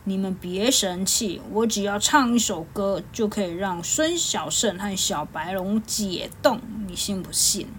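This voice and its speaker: A woman voicing a clumsy, excitable boy hero who cries easily, talking fast and pleading. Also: mid-range voice, a little hiss or hum, close to an everyday voice. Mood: boastful, flustered.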